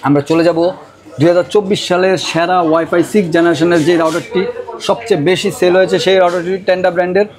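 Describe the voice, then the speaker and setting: A Bangladeshi man gives a hard-sell sales pitch in a high voice. He rattles along quickly as the presenter, insistently repeating prices and offers. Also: steady tone, crowd noise, rough recording. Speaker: router seller presenting deals.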